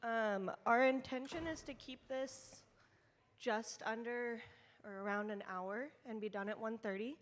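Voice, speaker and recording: At a volunteer training session held in a church meeting room, the leader of a children's ministry addresses the group in a relaxed, conversational way. She speaks with a fairly high, steady voice at an unhurried pace, and the audio has a big-room sound.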